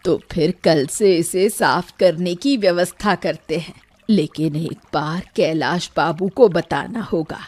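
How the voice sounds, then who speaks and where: In a Hindi animated moral story, a woman with a fairly low pitch plays an old village aunt who is caring and practical. She speaks in a measured, plain way.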